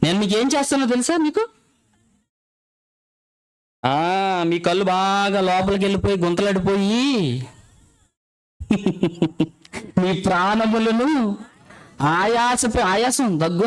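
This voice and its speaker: A high-pitched man preaches with a smooth, ringing voice. He asks his listeners question after question and hammers his points home through repetition. Brisk explaining gives way to slow, stretched-out scripture lines. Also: low-quality recording. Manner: asks many rhetorical questions and repeats phrases for emphasis; shifts between quick explaining and slow drawn-out scripture reading. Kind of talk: sermon.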